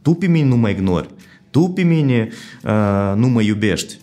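A man's voice: mid-range voice, expressive, dark tone, faint music behind, natural voice. A man voicing a nagging, reproachful middle-aged wife who scolds her husband in a raised voice. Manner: scolding, accusing tone.

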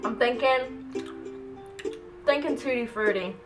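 A woman's voice: a little high, measured pace, music in the background. A young adult woman chatting casually as a vlog guest, blurting out reactions while eating gross jelly beans. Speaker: vlog guest, host's sister. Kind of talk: casual chat. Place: small room at home, indoors. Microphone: camera a short distance in front.

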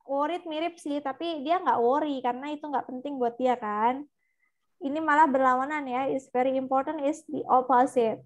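A woman English teacher running an online class over a video call, explaining test answers in a brisk, encouraging way and calling out names. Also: high-pitched, fairly even intonation.

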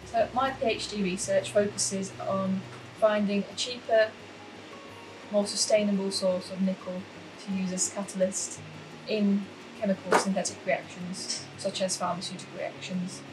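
With a flat delivery at medium pitch, a young Czech chemistry doctoral student earnestly walks through her research in a scripted piece to camera, now and then saying um. It was filmed in an indoor lab, and the far-off camera mic captures echo plus music underneath.

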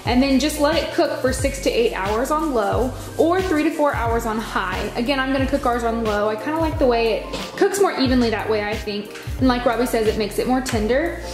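Cooking casually at home, this high-voiced American woman narrates every step in a chatty way, moving briskly with few pauses. Her kitchen sounds echoey, with music in the background.

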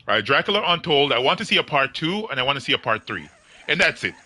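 A man's voice: mid-range voice, big pitch swings, fast talker, pushed and bright. A young man chatting casually with viewers on his game livestream, joking and laughing often in slangy talk.

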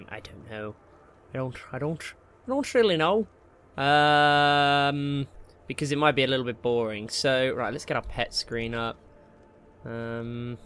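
A man hosting a Let's Play speaks in a mid-range voice that sounds pushed and bright, with slight background noise in the recording. He talks to himself in casual, jokey slang over the game's music.

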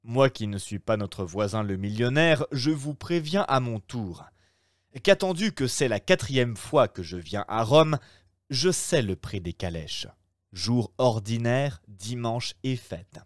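A man reading aloud and voicing a calm, shrewd young gentleman who talks in a measured, persuasive way. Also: mid-range voice, no room sound, studio quality.

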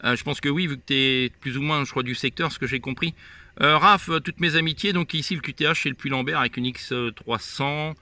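A brisk amateur radio operator with a slightly high, pushed and bright voice shows off his equipment on a hilltop field. He's filming a video of casual radio chat and walks through the gear hesitantly, one step at a time.

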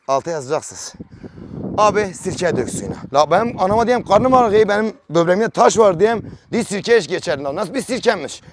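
A man filming a casual farm vlog, barking short sharp commands at a dog and grumbling bluntly between them, outdoors on a farm. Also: on the high side, a little hiss or hum. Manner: blunt, grumbling colloquial talk. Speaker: dog trainer and farm vlogger.

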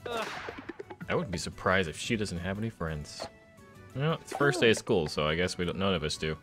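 Young male let's-play host, lowish voice, very animated, playful. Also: normal speed, music in the background. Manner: playful, wry asides. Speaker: gaming video host. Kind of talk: casual let's-play commentary.

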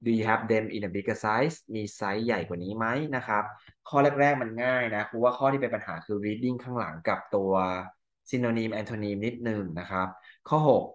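Thai man teaching English, low voice. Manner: explains each answer in Thai, reads English lines slowly. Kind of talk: exam answer walkthrough.

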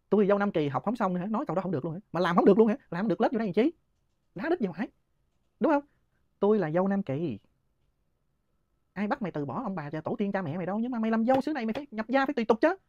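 A man's voice: sits high, darkish tone, no room sound, dull audio. A man, hosting and answering listener questions in a heated, scornful monologue punctuated by laughs. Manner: rapid, scornful ranting with frequent laughs.

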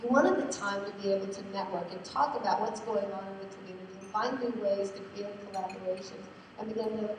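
A woman's voice: medium pitch, fast talker, hardly any pauses, far from the mic, a little hiss or hum. Woman with a head cold, echoey hall. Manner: chatty, self-deprecating, upbeat. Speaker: conference host, foundation executive director. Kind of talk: conference welcome speech. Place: large conference hall.

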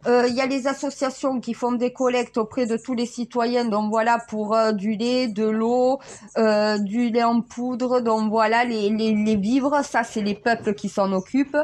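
A woman's voice: on the high side, fairly even intonation, unhurried, darkish tone. A French woman talking casually to viewers in a rambling way, with frequent laughs and restarts. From France. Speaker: self-styled spiritual vlogger.

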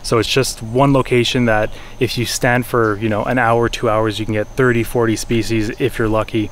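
A man's voice: mid-range voice, little pitch movement, normal speed. A man in his thirties giving an informal, enthusiastic explanatory nature vlog to a camera held at arm's length out in the jungle. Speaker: wildlife photographer and vlogger. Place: outdoors in jungle, orchard and by a river. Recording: faint outdoor ambient noise.

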